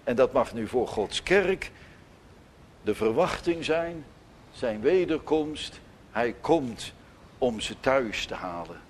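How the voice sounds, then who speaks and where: Male preacher, unhurried sermon, voice swings high and low between loud calls and soft asides. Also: animated, slight background noise. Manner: emphatic preaching, rising to loud declarations and dropping to soft asides. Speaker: pastor. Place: church.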